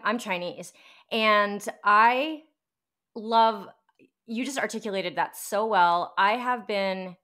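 Woman, heartfelt and emphatic, mid pitch, conversational. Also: fairly bright tone.

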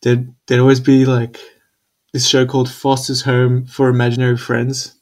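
A man's voice: mid-range voice, completely flat delivery, moderate pace. A young man in casual chat, laid-back and hesitant, with many fillers. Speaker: conversation partner.

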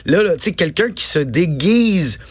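Halting Québécois man, dry close sound. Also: on the high side, animated, no echo. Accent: Quebec French. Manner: halting, with frequent restarts. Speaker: comedian. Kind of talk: casual chat.

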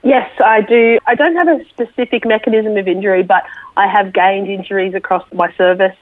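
A woman's voice: medium pitch, steady tone, brisk, no room sound. Australian woman on a tinny phone line. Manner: soft-spoken, reflective, many fillers. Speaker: guest, military veteran. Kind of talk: personal testimony interview.

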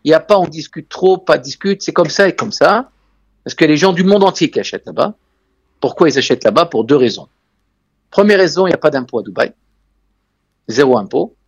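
A man's voice: a little high, expressive, brisk, long pauses, slightly rough, no echo, lo-fi sound. A man with a foreign, Israeli accent in French tells travel anecdotes conversationally as an interview guest, emphatically repeating key phrases. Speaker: interview guest, real estate and tourism businessman.

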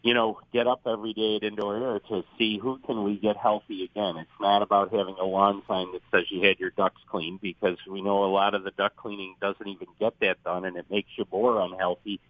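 An American man phoning in to a radio show as a business guest, making a conversational sales pitch. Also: flat delivery, a little fast, few pauses, no room sound. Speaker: business guest promoting services. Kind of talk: conversational phone-in sales talk. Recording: dull, band-limited live phone line.

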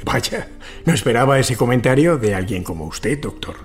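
Man acting earnest, expressive physician and hypnotist. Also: mid-range voice, normal speed, faint music behind, lightly acted. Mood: troubled. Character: earnest, commanding male Viennese physician and hypnotist. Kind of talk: period audio drama acting.

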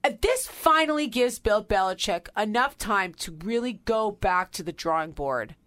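A woman's voice: medium pitch, fairly bright tone. A woman hosting a sports podcast, giving emphatic, fired-up opinions in casual talk. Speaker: podcast host.

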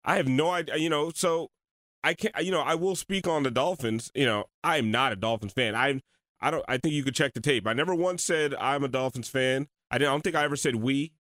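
A man's voice: mid-range voice, fairly quick, fairly bright tone, dry recording, studio quality. Rambling man co-hosting sports radio. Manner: rambling, repeats words while thinking. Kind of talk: casual sports radio talk. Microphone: studio microphone.

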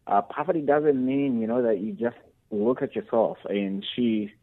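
A man's voice: mid-range voice, normal speed. A man, a guest on a radio interview, answering earnestly with many fillers and restarts. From Uganda. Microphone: phone. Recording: tinny phone line.

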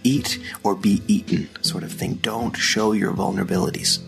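A man with an Austrian German accent, hosting a podcast and explaining ideas slowly and thoughtfully, with frequent fillers. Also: on the low side, fairly even intonation, vocal fry, music in the background. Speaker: podcast host. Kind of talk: solo podcast teaching.

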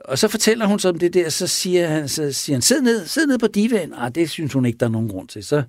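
Halting man retelling a police case. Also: on the high side, dry recording, clean studio sound. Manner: halting, with many pauses and restarts, acts out quoted speech. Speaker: police officer recounting a case. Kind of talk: casual spoken storytelling in an interview.

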